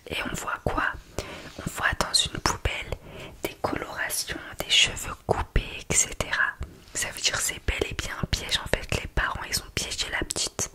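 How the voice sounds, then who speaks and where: Woman, library whisper, breathy, unvoiced, ASMR storytelling, informal, hesitant, conversational. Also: normal speed, pushed and bright. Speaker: ASMR video creator.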